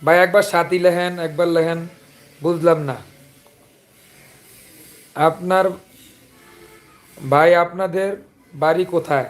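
Slow and fairly even in intonation, this high male voice has a Chandpur Bengali accent and leaves long pauses. He's a livestream host from Chandpur, Bangladesh, chatting casually, saying hello to viewers and inviting comments.

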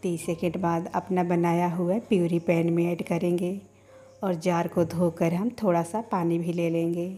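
This cooking channel host has a warm, low voice that stays in a tight, even range. She narrates a home recipe calmly and deliberately, giving steady instructions over soft background music.

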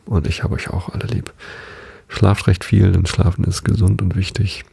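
A man hosting a sleep podcast, reading a story aloud slowly and soft-spoken. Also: sits low, little pitch movement, creaky, husky, dry recording. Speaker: podcast host and reader. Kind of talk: bedtime reading.

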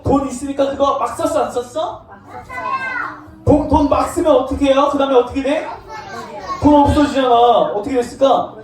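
A woman giving a children's sermon in church, asking the children questions and acting out the story playfully. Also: sits high. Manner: animated, asks children questions, acts out lines playfully. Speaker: children's Sunday school teacher. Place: church classroom. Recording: distant mic in an echoey room.

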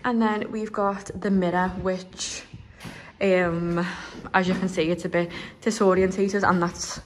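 A young woman from Liverpool, a nail salon owner, chatting excitedly with lots of fillers as she films a walkthrough of her salon under renovation on her phone. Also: fairly low pitch, unhurried, a little hiss or hum. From Liverpool, England. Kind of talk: walkthrough vlog.

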